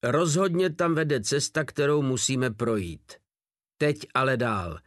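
A man's voice: medium pitch, no echo, studio quality, pitched above the performer's own voice, lightly acted. A man voicing an old male veteran soldier giving firm orders in an audiobook war story. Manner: terse, firm.

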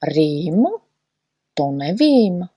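A woman voicing a tiny, eager, boastful male know-nothing in a storybook reading, talking excitedly and bragging. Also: deep voice, husky, exaggerated voice. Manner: excited, shouty, quick to brag.

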